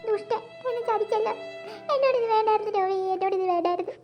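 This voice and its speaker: A woman's voice: extremely high pitch, steady tone, fairly quick, dull audio, music in the background. A woman voicing a clumsy, melodramatic older sister in a cartoon, whining and wailing. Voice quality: whiny, melodramatic. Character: clumsy dramatic teenage girl, the older sister. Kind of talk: Malayalam cartoon dubbing.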